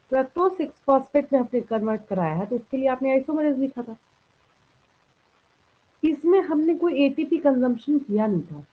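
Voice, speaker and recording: A biology teacher from India lecturing a live class. She asks the students each point as a question, answers it herself, and checks often whether they follow. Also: a little high. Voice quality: clears throat now and then. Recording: thin phone-like sound.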